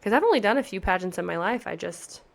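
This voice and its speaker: A woman's voice: mid-range voice, animated, fast talker, creaky. A woman in her thirties, a pageant coach, talking on her podcast in a chatty, earnest, motivational way with lots of emphasis. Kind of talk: casual podcast chat.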